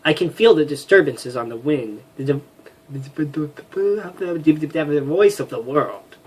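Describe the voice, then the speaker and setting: A man's voice: fairly high pitch, lively intonation, slow pace, a little hiss or hum. A man voicing a proud, mystical winged female warrior in a game, speaking in lofty, solemn pronouncements.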